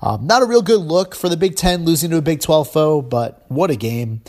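Animated man talking college football. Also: moderate pace. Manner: energetic, sarcastic, jumps up in pitch for emphasis. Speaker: podcast host. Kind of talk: casual sports podcast commentary.

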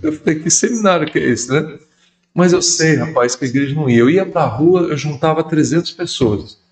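A middle-aged man, a bishop and podcast guest, telling a personal story in an animated way and acting out the dialogue he quotes. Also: on the high side, moderate pace. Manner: lively storyteller who acts out quoted dialogue.

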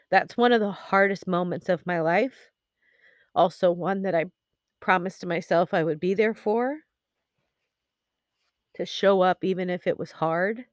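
Grieving woman, low and candid. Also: dry recording, clean studio sound. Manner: candid, halting with many pauses and fillers. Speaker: podcast host. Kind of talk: personal reflective monologue.

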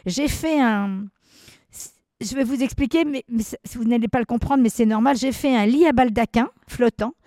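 An older woman speaks with a fairly high voice, pouring out a personal story in an animated rush. She stumbles, restarts and repeats words as she pushes on. The sound is close and dry. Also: no room sound. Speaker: painter.

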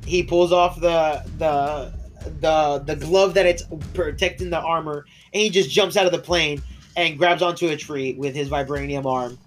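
A man with a slightly high voice talks through a show's plot in a loose, rambling way. He restarts sentences often, laughs at the scenes he describes, and coughs as his voice breaks. Faint music plays underneath. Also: steady tone, moderate pace. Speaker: podcast co-host. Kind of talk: casual recap chat.

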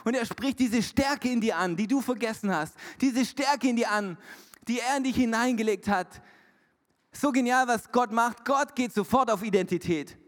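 High-voiced male pastor preaching. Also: moderate pace. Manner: emphatic and repetitive, mixing in English words. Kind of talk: sermon. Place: church hall. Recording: reverberant church hall.

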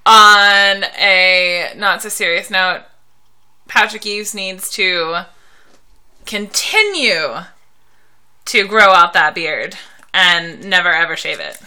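A woman's voice: fairly low pitch, animated, takes it slowly, pauses often, sharp tone, clean tone. A woman co-hosting a podcast in casual, playful, teasing chat. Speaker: hockey podcast co-host.

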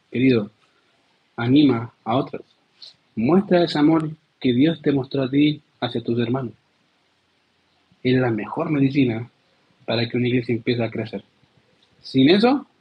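A man's voice: medium pitch, a little slow, pauses often, husky, dull audio. A man with a Chilean accent, a pastor giving a sermon in an earnest way, often calling his listeners "dear". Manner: earnest, addresses listeners as "querido".

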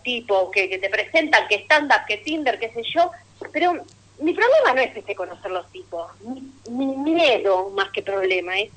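This low-quality radio recording captures a woman whose voice sits on the high side with a fairly bright tone. She's a stand-up comedian with a Rioplatense Argentine accent, spinning stories, making chatty asides to the crowd, and cracking up at her own jokes.

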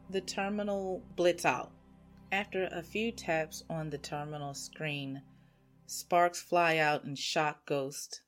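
Woman, low voice, solo tabletop game narrator, relaxed storytelling, faint background music. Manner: relaxed storytelling with asides to listeners.

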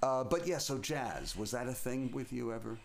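Man, mid-pitched voice, interview host, conversational, playful, discursive, thinks out loud. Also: expressive, normal speed, creaky. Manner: discursive, playful, thinks aloud with vivid mimicked examples.

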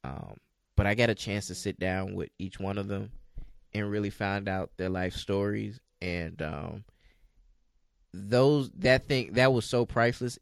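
A man with a fairly low voice co-hosts a casual podcast. He sounds relaxed, as if lying in bed, and the recording is close and dry. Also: gravelly, no echo. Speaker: podcast co-host.

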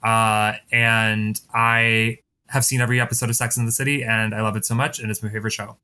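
A man's voice: lowish voice, little pitch movement, a little fast, pushed and bright, clear, resonant tone. A man hosting a podcast in casual chat, with a wry, gossipy way of talking. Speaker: podcast host.

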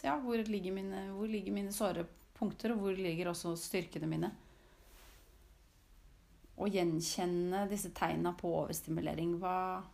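A woman's voice: lowish voice, gravelly, a little mellow. A woman host talking casually to her listeners, reflective and often searching for words with fillers and restarts. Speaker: host speaking about sensitivity. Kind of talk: casual spoken talk to listeners.

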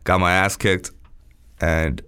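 A man's voice: low-pitched, level tone, slow pace, sharp tone, clean tone. A man, a chef as a guest, telling stories in a loose, laid-back way full of fillers. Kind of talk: casual chat.

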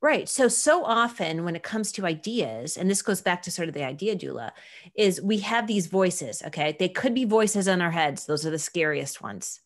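A woman's voice: lowish voice, expressive, normal speed. A middle-aged woman, a creativity teacher, chatting casually in an interview and acting out quoted voices with animation.

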